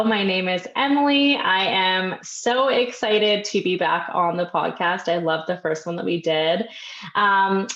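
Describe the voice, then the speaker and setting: A woman's voice: mid-range voice, fairly bright tone. A woman with a cold chats candidly as a podcast guest and laughs easily. Her voice comes through a roomy, echoey space on dull, lo-fi audio. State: has a cold. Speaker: podcast guest, lash coach. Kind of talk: casual podcast chat.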